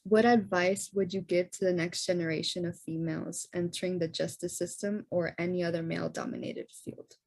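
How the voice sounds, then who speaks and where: A woman's voice: lowish voice, steady tone, a little fast, vocal fry, few pauses, a little mellow. A young adult woman interviewing a guest, eager and encouraging, with many short affirmations. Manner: enthusiastic, frequent short affirmations. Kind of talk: casual interview conversation.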